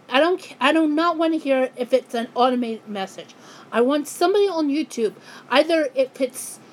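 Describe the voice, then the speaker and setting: A high-pitched woman YouTuber rants angrily in a vlog. Her voice is hoarse and giving out, and she keeps breaking off and starting her sentences over.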